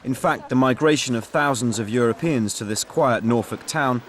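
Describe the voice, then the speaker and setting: A man giving measured, scripted documentary narration. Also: medium pitch, slight background noise.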